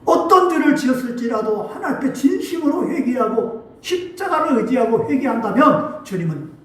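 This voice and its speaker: A man's voice: very high voice, expressive, moderate pace, fairly bright tone. A male pastor preaching a sermon emphatically and putting questions to his congregation in a church sanctuary. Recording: echoey hall from far off.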